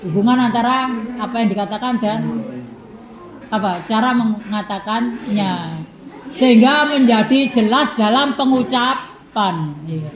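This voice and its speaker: A fairly high-voiced woman teaches a class, tagging "ya" onto nearly every phrase and repeating each answer slowly. Her voice rings around a reverberant classroom. Students murmur steadily behind her. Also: crowd noise. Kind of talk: classroom lesson.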